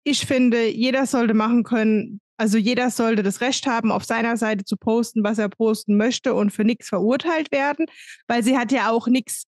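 A woman's voice: a little high, steady tone, normal speed, a little mellow, dry recording. A woman in her thirties co-hosting a podcast, talking frankly and emphatically in casual chat from a home room on a studio mic. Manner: frank, emphatic, plain-spoken. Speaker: podcast co-host. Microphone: studio mic on arm, video call.

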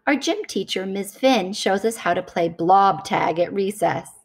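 A woman reads a picture book aloud to children in an expressive, deliberate storytelling style, her mid-range voice slightly rough.

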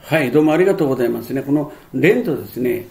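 A man's voice: mid-range voice, animated, rapid-fire, creaky, mellow. A man explaining an English textbook lesson in a rambling way, with many fillers and restarts. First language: Japanese. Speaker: English teacher.

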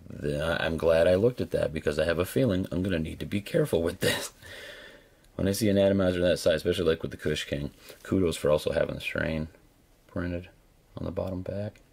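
Very deep, gravelly-voiced man reviewing casually. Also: a little fast, darkish tone. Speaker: product reviewer. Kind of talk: casual hands-on video review.

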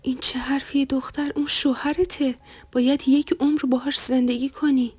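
A woman's voice: high voice, level tone, a little mellow, slightly rough, dry recording. A woman voicing a caring but firm middle-aged mother who coaxes and scolds. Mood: scolding.

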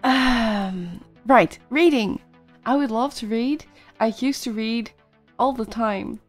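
A woman's voice: on the high side, slow pace, soft background music. A woman streamer chatting casually with her viewers, reacting to chat with frequent laughter and yawning from tiredness.

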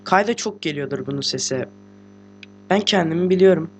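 A teenage boy, a gaming host, giving casual let's-play commentary while sick and talking quietly, chatty, slangy and joking with swearing. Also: a little high, fairly quick, slight background noise. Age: teens. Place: room at home with a computer.

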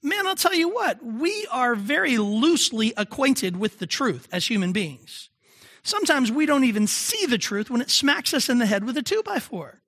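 A man's voice: extremely high pitch, big pitch swings, moderate pace, fairly bright tone, husky. A male pastor giving a conversational sermon, often asking the congregation questions.

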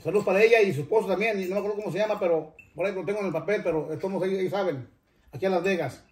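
A man's voice: high voice, very fast, a little mellow. An older man, hosting a cooking channel and chatting casually to viewers in a rambling way that often stops and restarts. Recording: roomy, echoey room.

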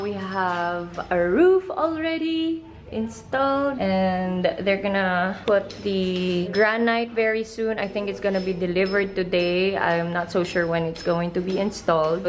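A young Filipino woman with a Filipino accent, chatting casually while filming herself on a handheld camera indoors, mixing in Tagalog. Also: mid-range voice. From Philippines. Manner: chatty, switches between English and Tagalog. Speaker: vlogger. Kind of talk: casual walkthrough vlog. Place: house under renovation and hardware store, indoors. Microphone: handheld camera at arm's length.

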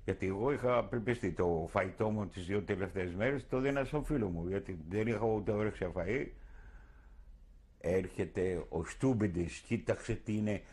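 Older man, husky, telling his story. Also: on the low side, darkish tone. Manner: vivid storytelling, acting out his own past words. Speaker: interviewee. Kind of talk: oral history interview.

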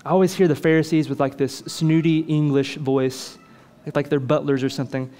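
Brief: male pastor, a bit high-voiced, chatty sermon delivery with lots of questions. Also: fairly quick. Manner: lively, conversational preaching with rhetorical questions.

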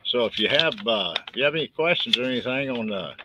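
Speaking fast and with plenty of animation at a medium pitch, an older man with a West Texas twang rambles folksily about the books he wrote. It's a casual live-stream chat, and background noise can be heard.

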